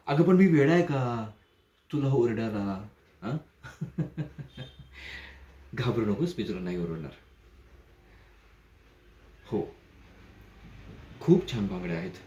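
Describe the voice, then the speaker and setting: A man playing a controlling, menacing man in a dramatic monologue, speaking softly and mockingly with sudden sharp rises. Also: fairly low pitch, natural voice. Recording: echoey room, dull lo-fi sound.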